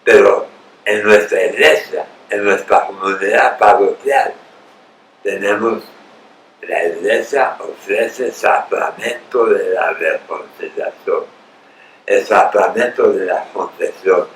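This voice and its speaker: A man preaching a sermon in a church, slow and emphatic, repeating phrases and rising suddenly in pitch and volume. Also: slight background noise. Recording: roomy, distant church recording with faint ambience.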